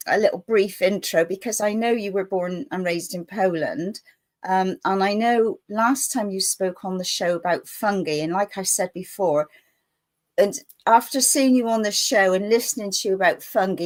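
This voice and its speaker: Chatty woman hosting. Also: medium pitch. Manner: chatty, rambling, laughs often. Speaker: show host. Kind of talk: casual interview chat.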